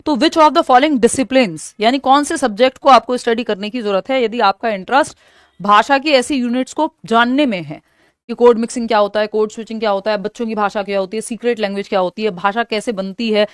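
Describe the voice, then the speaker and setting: Indian woman teacher, high smooth voice, patient step-by-step explainer. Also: no room sound, clean studio sound. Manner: explains step by step, reads English questions slowly. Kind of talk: exam-prep lecture.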